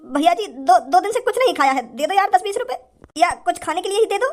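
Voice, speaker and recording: A man's voice: very high-pitched, expressive, fast talker. A man voicing a hungry young male beggar who whines and pleads for money in a cartoon. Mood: pleading. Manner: whining, begging.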